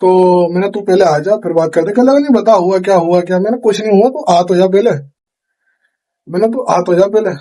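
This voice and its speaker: A young man from India tells a long story in a high, light voice. He talks casually to his viewers. He acts out every line of the dialogue as he goes. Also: fairly quick. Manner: chatty, animated retelling with quoted dialogue. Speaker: vlogger. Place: home kitchen at night.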